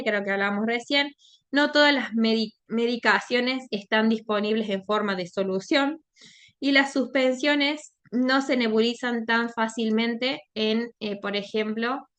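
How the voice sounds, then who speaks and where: A woman's voice: on the high side, a bit bright. A woman giving a lecture, explaining in a conversational way and often checking in with her class. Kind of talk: online lecture.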